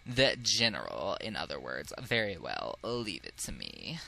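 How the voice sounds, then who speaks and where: A snooty aristocratic male pigeon from a dating game, put on by a man, deep and drawn out. Every word sounds lofty and condescending. The voice is crisp, with a dry, close sound. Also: huge pitch swings, pushed and bright, dry recording, full character voice, poor audio. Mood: haughty. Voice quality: pompous, slow and lofty. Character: haughty noble male pigeon, pompous and snobbish.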